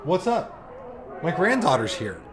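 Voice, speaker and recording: A man's voice: on the high side, big pitch swings, slow, noisy background. A man in his forties commentating a replay of his own boxing bout, with a joking, self-deprecating play-by-play manner. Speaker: amateur boxer commentating his own fight. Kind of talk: casual fight commentary.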